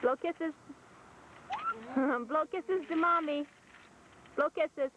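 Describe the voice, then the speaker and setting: On an old camcorder tape, a woman filming a home video coaxes and plays with a baby, her casual chatter caught by the built-in mic. Her voice is high-pitched and extremely slow, and the recording is muffled with a noisy background.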